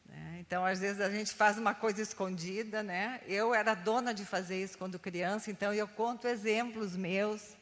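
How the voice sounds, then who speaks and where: A woman's voice: medium pitch, fairly even intonation, moderate pace, few pauses, long reverb tail. An older woman training Sunday school teachers, telling stories and checking in with her listeners often. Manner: chatty, keeps adding "né?" tags. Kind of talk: teaching a training class with storytelling.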